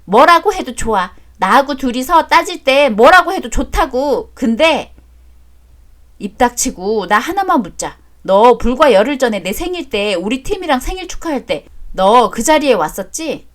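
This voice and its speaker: A woman acts out an angry confrontation in a radio drama, her voice high and lively. She speaks in a sharp, scolding manner. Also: normal speed. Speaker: narrator and voice actor.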